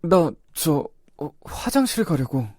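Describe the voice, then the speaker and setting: A man voicing a shy, quiet teenage schoolboy in an audio drama, speaking hesitantly with stammers. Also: fairly high pitch, big pitch swings, slow, no room sound, clean studio sound, heavily acted. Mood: flustered. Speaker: narrator and lead.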